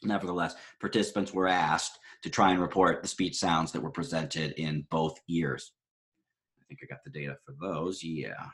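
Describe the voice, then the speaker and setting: A man's voice: very deep voice, steady tone, normal speed, fairly bright tone. A man lecturing on psychology research, explaining graphs in a conversational way with frequent fillers and self-corrections. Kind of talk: recorded lecture walking through graphs.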